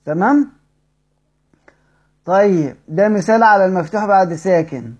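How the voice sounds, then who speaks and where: Egyptian man, Quran recitation teacher, high voice, quick colloquial explanations with slow drawn-out recitation, muffled lo-fi sound. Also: darkish tone, slightly rough. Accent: Egyptian Arabic. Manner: addresses students directly with questions.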